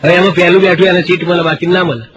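A man's voice: high-pitched, very fast, lo-fi sound. A middle-aged Gujarati man telling comic stories on stage, acting out the voices of the people in them. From Gujarat, India. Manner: animated, acts out quoted voices for jokes. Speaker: stand-up comedian. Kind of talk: stand-up comedy storytelling. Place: stage before a live audience. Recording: live show with loud crowd laughter.

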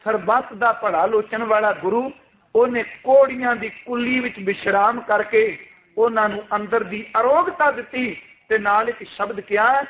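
A man's voice: high voice, normal speed. A man preaching a Sikh sermon to a congregation, reciting scripture and asking impassioned rhetorical questions. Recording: tinny phone-like sound.

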